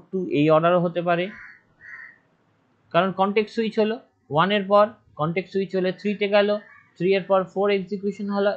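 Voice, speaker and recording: Man, teacher, online class, choppy cutting-out audio, dull lo-fi sound, high voice. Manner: methodical, steps through each case aloud. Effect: choppy online audio that keeps cutting out.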